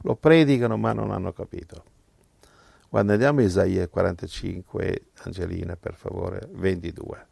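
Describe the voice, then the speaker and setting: Gravelly preacher with fiery swings. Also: male voice, steady tone, moderate pace, no echo. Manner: impassioned, swinging from low murmurs to loud exclamations. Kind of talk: evangelical sermon.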